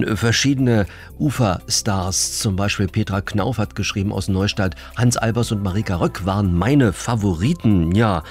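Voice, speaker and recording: A fairly low male presenter talks chattily about listener letters. Soft music plays faintly beneath him. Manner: chatty, introduces listener requests. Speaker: radio presenter. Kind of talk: radio presenting.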